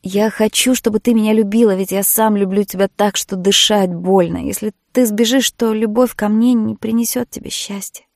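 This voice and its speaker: A woman's voice: medium pitch, fairly even intonation, moderate pace, gravelly, few pauses, darkish tone, no echo, studio quality, lightly acted. A woman voicing an earnest young man, a marine, who speaks tenderly and pleads with the girl he loves. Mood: urgent.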